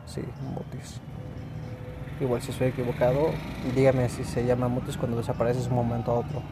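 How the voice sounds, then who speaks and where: A man's voice: medium pitch, monotone, fairly quick, noisy background. A man with a Mexican accent, talking casually and rambling in a laid-back, slangy way to his listeners. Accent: Mexican Spanish. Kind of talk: casual monologue.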